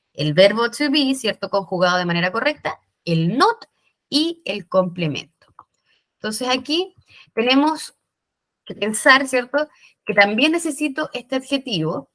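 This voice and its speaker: A woman's voice: on the high side, a bit bright. A woman teaching English grammar in a recorded lesson, explaining step by step with patient checks.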